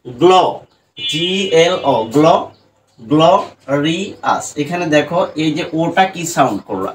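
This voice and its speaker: A man teaching English pronunciation to students, explaining rules slowly and repeating sounds syllable by syllable. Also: on the high side, far from the mic, a little hiss or hum, poor audio. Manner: slow and repetitive, breaking words into syllables.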